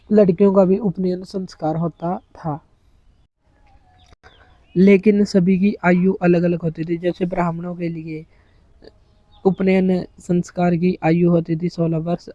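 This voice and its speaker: Male teacher, slightly high voice, lecture delivery, dry muffled recording. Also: no room sound. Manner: explains in Hindi mixed with English terms, lists items one by one. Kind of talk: exam-prep lecture.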